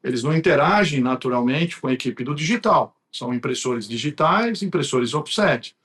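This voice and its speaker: A man's voice: mid-range voice, animated, normal speed, fairly bright tone. A man with a Brazilian accent, an interview guest explaining things in conversation. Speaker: guest from a printing company.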